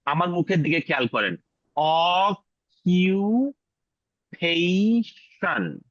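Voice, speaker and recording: Man teaching English pronunciation, bright voice. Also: medium pitch, expressive, dry recording, lo-fi sound. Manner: drills pronunciation, repeats words slowly; mixes English words into casual teaching talk. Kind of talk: online class lesson.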